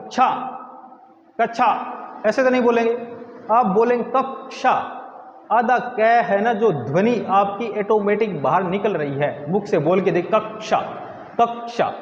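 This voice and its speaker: A man teaching Hindi grammar in a video lesson, who asks students questions, answers them himself and repeats words slowly. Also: high voice, roomy sound, big-room sound, dull audio, slight background noise.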